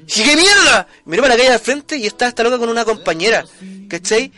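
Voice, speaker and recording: A man's voice: very high-pitched, lively intonation, very noisy. A young Chilean man telling stories in casual slangy podcast chat, acting out voices. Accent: Chilean Spanish. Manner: slangy, rapid storytelling, acts out voices. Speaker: podcast co-host.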